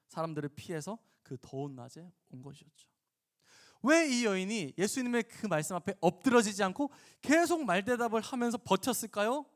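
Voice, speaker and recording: Animated storytelling youth preacher, man. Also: high voice. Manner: storytelling, questions the audience, drops to whispers. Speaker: youth pastor. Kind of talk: sermon to teenagers.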